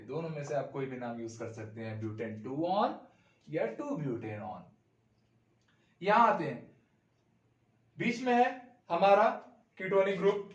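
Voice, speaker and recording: High-voiced man teaching chemistry in an echoey room. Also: recorded from a distance. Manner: explains step by step, often calls out "dear students". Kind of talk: classroom lecture at a board.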